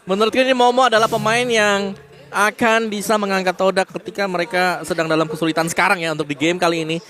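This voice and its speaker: A man's voice: high-pitched, steady tone, fast talker, sharp tone. A man with an Indonesian accent analysing a live esports match in an explanatory, emphatic manner. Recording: music playing behind voice.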